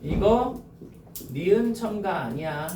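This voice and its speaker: A male high school teacher lecturing to a class, slowly dictating key points and often checking whether students follow. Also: expressive, echoey room, far from the mic, background noise.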